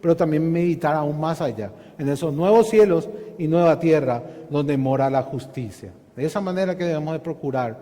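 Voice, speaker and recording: A man's voice: on the high side, moderate pace, few pauses, dark tone, in a large hall. A man pastor giving an earnest Bible study sermon, asking his listeners questions and calling them brothers. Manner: earnest preaching with rhetorical questions, repeatedly addressing "hermanos". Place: church hall.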